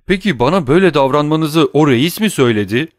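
A man's voice: a little high, animated, fast, no room sound, clean studio sound, voice pushed up, lightly acted. A man voicing a desperate, greedy captive banker in an audiobook, pleading and agitated.

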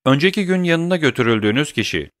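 A man's voice: a little high, animated, quick pace, a bit bright, no echo, clean studio sound, pitched above the performer's own voice. A man voicing a sly, mock-courteous bandit guard in an audiobook. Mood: mock-polite. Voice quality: mock-polite, falsely eager.

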